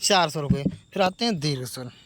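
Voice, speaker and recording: High-voiced teacher quizzing himself. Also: male voice, expressive. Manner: asks questions then answers them himself; stretches sounds out slowly when demonstrating vowels. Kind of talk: exam-prep grammar lesson.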